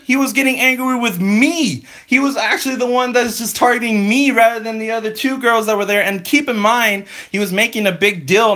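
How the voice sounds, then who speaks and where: A man's voice: high voice, bright, forceful tone. A man on a couponing live stream, telling a long story in a rambling, exasperated way and circling back with "I'm like" and restarts.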